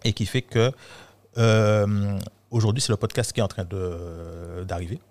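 A man's voice: fairly low pitch, steady tone, a little slow, a little mellow. A man giving his opinion in a casual studio round-table chat, emphatic and sure of himself. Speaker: podcast guest.

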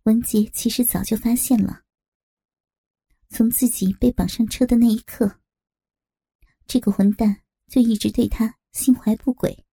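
Female audiobook narrator, dark and mellow, somewhat gravelly, steady dramatic delivery. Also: a little high, unhurried, pauses often.

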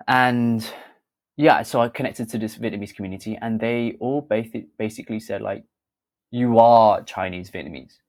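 Answering an interviewer, a young British man who works as a dancer and theatre maker tells reflective stories about his career in a low voice. His British English delivery is candid and thoughtful, punctuated by self-corrections and little fillers.

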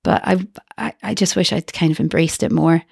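A woman's voice: fairly low pitch, moderate pace, creaky, a little mellow, slightly rough, no echo, clean studio sound. A woman with a Glaswegian Scottish accent, telling her personal story in a hesitant, reflective way in conversation. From Glasgow, Scotland. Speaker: interview guest.

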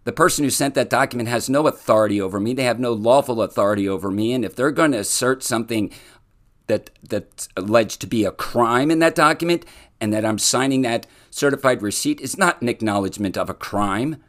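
A man's voice: mid-range voice, a little fast, fairly bright tone. A man hosting his own solo podcast, talking earnestly in legal terms and often restarting his sentences. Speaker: podcast host.

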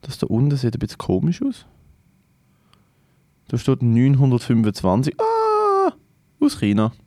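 A man's voice: mid-range voice, huge pitch swings, unhurried, darkish tone, no echo. A young man with a Swiss German accent, a comedian co-hosting a podcast, rambling and joking, swearing a lot and stumbling over his words. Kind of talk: casual podcast banter.

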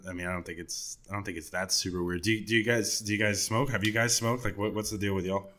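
A man's voice: on the low side, fairly even intonation, fast, fairly bright tone. A man co-hosting a podcast, chatting casually and asking the others questions. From Texas, United States. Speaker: podcast co-host.

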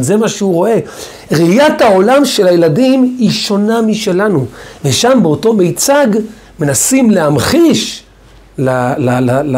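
A man's voice: high-pitched, a little mellow. A man, a rabbi, teaching a religious lesson in a storytelling way, often stressing words by repeating them. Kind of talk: Torah lesson.

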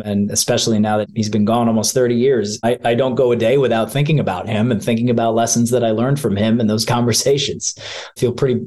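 A man in his forties, a sportscaster from Ohio, talks through his career in a casual interview. He tells stories in a chatty, easygoing way with a middle-range voice. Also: mid-range voice. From Ohio, USA. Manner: chatty, warm storytelling with laughs. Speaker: sportscaster guest.

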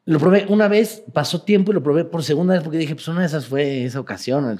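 A man with a Mexican accent, a guest telling a story in casual chat, animated and swearing freely, acting out other people's voices. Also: fairly high pitch, quick pace.

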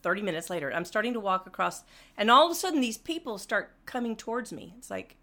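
A woman's voice: medium pitch, fast talker. An older woman telling a funny story in casual chat, laughing often and acting out the people in it. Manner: animated, laughs often, acts out the people in her stories.

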